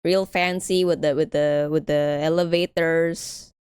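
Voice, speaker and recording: A woman's voice: deep voice, steady tone, measured pace, a little mellow, smooth, no echo, clean studio sound. A young woman streaming a visual novel, chatting, giggling and reading the game text aloud in a rambling way. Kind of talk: casual game commentary.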